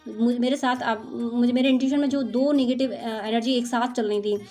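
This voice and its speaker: A woman's voice: fairly high pitch, fairly even intonation, a little fast, darkish tone, faint music behind. A woman doing an intuitive spiritual reading for her viewers, talking in a soothing, motherly, reassuring way. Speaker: spiritual card reader.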